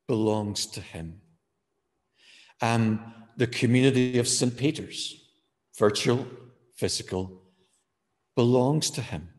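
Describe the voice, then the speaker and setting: A man preaching a sermon in a church, measured, with frequent fillers, slowing down to stress key words. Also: mid-range voice, long reverb tail.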